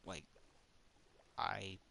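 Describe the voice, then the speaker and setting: A man's voice: sits low, steady tone, very slow, vocal fry, sharp tone, a little hiss or hum. A man giving casual commentary while playing a game, muttering wry asides to himself. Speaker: let's play gamer.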